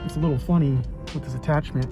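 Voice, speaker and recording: A man's voice: a little high, steady tone, fast, over music. A man talking casually as a car vlogger, in an easygoing way, thinking aloud as he goes. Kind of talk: casual vlog chat.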